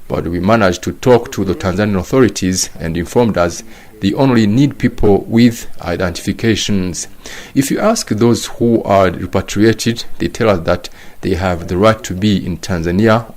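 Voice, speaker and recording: Low-voiced male news voice-over. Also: a little mellow. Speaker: voice-over interpreter.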